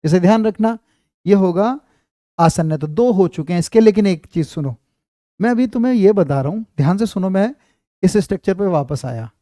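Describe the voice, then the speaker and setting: A man teaching Hindi grammar in an online class, slowly repeating example sentences and speaking into a clip-on mic. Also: high voice, animated, mellow, dry recording, clean studio sound.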